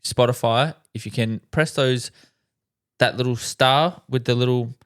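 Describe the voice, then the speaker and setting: A man's voice: medium pitch, measured pace, a bit bright, smooth. A man co-hosting a podcast in casual chat, laid-back and laughing easily, swearing often. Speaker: podcast co-host.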